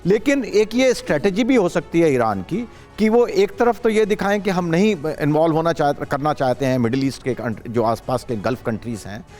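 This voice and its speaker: A man commenting as a guest analyst on a live news show, talking in a halting way with many hesitations and restarts. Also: fairly high pitch, animated, darkish tone, faint music behind.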